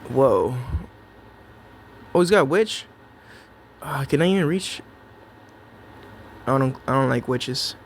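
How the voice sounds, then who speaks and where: Excitable young man narrating his gameplay. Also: medium pitch, slow pace, long pauses, slight background noise. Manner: excitable, jokey, talks to himself and the opponent. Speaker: gameplay commentator. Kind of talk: live gameplay commentary.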